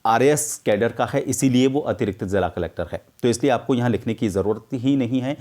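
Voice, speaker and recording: A middle-aged man teaching script writing for news, explaining in a measured way with frequent hesitations. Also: mid-range voice, a little mellow. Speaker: media teacher. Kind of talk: explaining script mistakes to camera.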